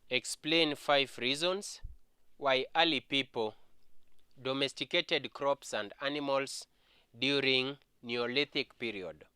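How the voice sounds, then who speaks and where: A man with a Kenyan English accent teaching an exam revision history lesson, speaking slowly and repeating key points. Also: medium pitch, sharp tone, smooth, no echo, studio quality.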